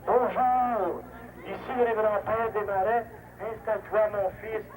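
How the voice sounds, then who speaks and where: A man's voice: sits high, steady tone, measured pace, crowd noise. A man with a Québécois French accent voicing a joking priest who blesses a batter in a mock-solemn, preachy cadence. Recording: noisy live outdoor recording.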